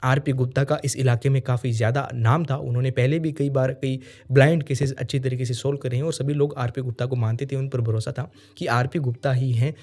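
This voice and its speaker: A man's voice: medium pitch, steady tone, fairly quick, hardly any pauses, a little mellow. A man hosting a true crime show, telling the story in an earnest way and often repeating phrases for emphasis. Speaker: true crime podcast host.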